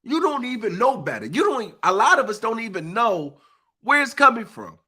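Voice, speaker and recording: Here the man's voice is very high, sing-song, pushed and bright, with a slight roughness, at a normal speed. Congested from a stuffy nose, he preaches on his live stream in an impassioned, emphatic monologue full of informal speech.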